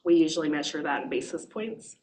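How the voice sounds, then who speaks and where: A woman giving a brisk, matter-of-fact explanatory presentation at a board meeting. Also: low voice, expressive, background noise.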